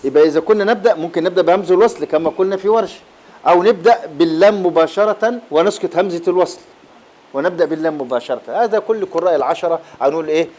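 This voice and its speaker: Fast-talking Egyptian man teaching recitation. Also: high voice, a little mellow. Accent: Egyptian Arabic. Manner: explanatory, chants verse fragments, repeats words slowly. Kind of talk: classroom lesson on recitation readings. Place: lecture hall at an Islamic boarding school.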